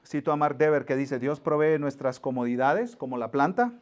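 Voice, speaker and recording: A middle-aged man, preaching a sermon as pastor, telling stories with acted-out voices and sudden quiet, intimate asides. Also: a little high, normal speed. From Mexico. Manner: animated storyteller, acts out voices, drops to near-whisper for emphasis.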